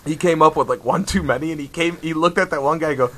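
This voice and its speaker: A man's voice: fairly high pitch, quick pace, crowd noise, rough recording. A man co-hosting a podcast remotely from home, telling band stories in a casual chat and laughing often as he imitates people. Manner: laughing storyteller, mimics people he quotes. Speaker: podcast co-host and band guitarist.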